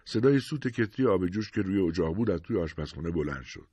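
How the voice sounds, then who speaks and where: A man calmly narrating a short story in an audiobook, measured and even. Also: sits low, husky, no echo. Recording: dull dry recording.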